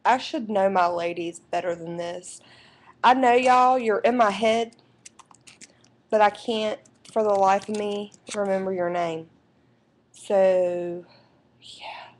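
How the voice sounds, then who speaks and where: Young woman, slow and rambling; casual home vlog update recorded into a computer mic. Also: mid-range voice, steady tone. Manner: rambling and unhurried, with fillers and restarts. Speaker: vlogger and new mother. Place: indoors at home. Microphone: computer webcam microphone.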